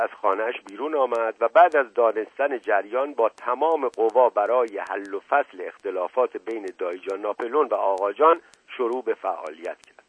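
A man narrating an audiobook in a measured, even storytelling manner. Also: medium pitch, slightly rough, no room sound, lo-fi sound.

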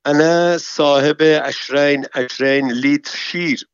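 A man's voice: a little high, steady tone, clean tone, dry recording, dull audio, pitched above the performer's own voice, close to an everyday voice. A man reading a story, voicing a nervous man in disguise who stammers through fumbling broken Arabic. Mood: flustered. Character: nervous man disguised as a bath attendant, flustered.

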